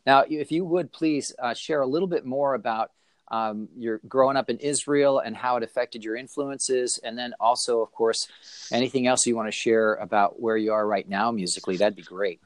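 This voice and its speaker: A man's voice: mid-range voice, normal speed, no echo. A man hosting an interview, easygoing and affirming, asking long rambling questions. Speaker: interviewer host. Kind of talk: conversational interview.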